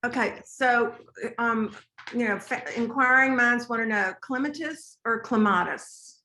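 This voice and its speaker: A woman hosting a relaxed magazine conversation, playful and upbeat. Her voice is bright and sits fairly high. The room around her rings with noticeable echo. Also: measured pace. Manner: upbeat, playful, short interjections. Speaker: magazine editor, host. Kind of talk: hosted conversation.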